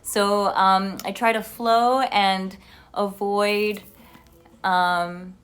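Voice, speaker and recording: A woman's voice: mid-range voice, little pitch movement, extremely slow, a bit bright. A woman with a Colombian Paisa accent co-hosting a livestream, chatting casually with viewers in an effusive, giggly manner. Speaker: livestream co-host. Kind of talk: casual chat with live viewers. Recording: noisy livestream audio.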